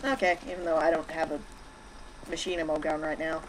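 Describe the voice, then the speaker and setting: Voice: mid-range voice, little pitch movement, fairly quick. A let's play co-host in casual gameplay banter, making dry, teasing jokes. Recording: home gaming recording with clear background noise.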